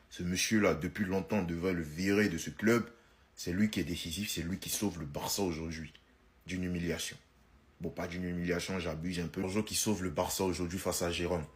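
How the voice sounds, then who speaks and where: A man giving heated, casual commentary, exaggerating and then backing off. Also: deep voice. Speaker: football commentator.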